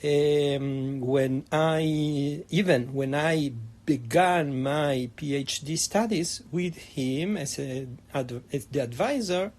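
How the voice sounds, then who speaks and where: This time the Argentine professor's voice is a little high and somewhat mellow, moving slowly yet with hardly any pauses. The middle-aged historian still hesitates, restarting and using many fillers as he answers interview questions.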